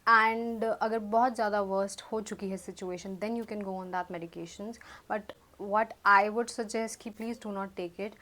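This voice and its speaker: A woman's voice: mid-range voice, fairly bright tone. A young woman, chatting casually to camera. She fumbles her words and laughs at herself. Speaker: YouTube vlogger. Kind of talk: casual chat to camera, mixing Hindi and English.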